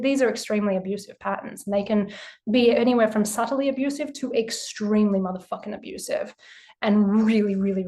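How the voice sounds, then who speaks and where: Young woman teacher on a video call, higher voice, blunt and emphatic, swears freely. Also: darkish tone. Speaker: spiritual teacher. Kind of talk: live online class talk.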